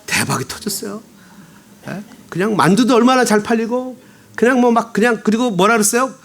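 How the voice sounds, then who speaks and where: A man preaching a Sunday sermon as pastor, telling lively stories, acting out the voices he quotes and adding humorous asides. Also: high-pitched, fairly quick, gravelly. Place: church sanctuary.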